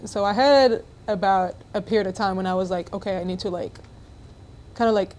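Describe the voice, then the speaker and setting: A woman's voice: medium pitch, a little fast, a little hiss or hum. A young woman from Israel, a college basketball player, chatting casually as a podcast guest, with lots of fillers and easy laughter. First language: Hebrew. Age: 20s. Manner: relaxed, many fillers, laughs easily.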